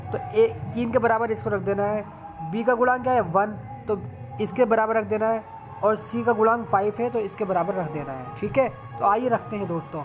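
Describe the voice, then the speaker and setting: A man teaching a math lesson step by step, repeating phrases and often checking in with his viewers. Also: high-pitched. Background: background music.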